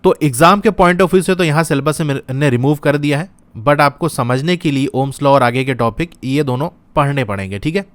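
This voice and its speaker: A man's voice: on the high side, fairly quick, few pauses, no echo. Hindi-speaking man teaching, dry close sound. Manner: explains step by step, checks in with "ठीक है". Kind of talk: syllabus walkthrough lesson.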